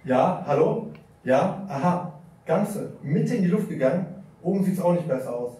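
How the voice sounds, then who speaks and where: A man's voice: a little high, lively intonation, normal speed, mellow, lightly acted. A man playing a harried, bureaucratic secretary in hell at a live script reading. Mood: dutiful. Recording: echoey hall recorded from far off.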